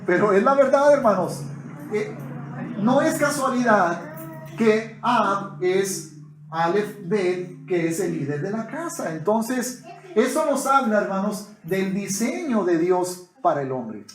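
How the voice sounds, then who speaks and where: A man delivers a sermon in a fairly high voice at a slow, measured pace. He keeps addressing the congregation as brothers and asks them to agree with him. The sound carries the echo of a church hall. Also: animated, a little hiss or hum. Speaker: preacher.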